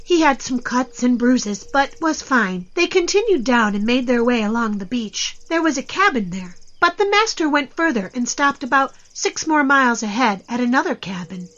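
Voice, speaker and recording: A woman tells a children's story as its narrator. Her voice is high, and the recording is slightly dull. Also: sing-song, normal speed, hardly any pauses, a bit bright.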